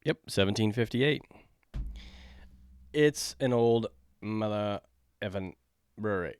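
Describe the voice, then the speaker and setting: A man's voice: lowish voice, takes it slowly, a little mellow, smooth, no room sound. A man hosting a beer review podcast, talking in a loose, rambling, jokey way.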